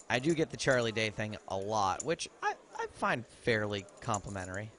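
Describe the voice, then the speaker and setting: A man's voice: on the low side, animated, normal speed, a bit bright, slight background noise. Man with a cold, wry poker commentator. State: has a cold.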